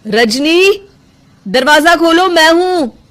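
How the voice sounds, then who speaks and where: A woman voicing a gentle concerned young husband. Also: very high-pitched, animated, slow, pitched above the performer's own voice, heavily acted. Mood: pleading, concerned. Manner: coaxing, concerned questions. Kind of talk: voiced cartoon dialogue.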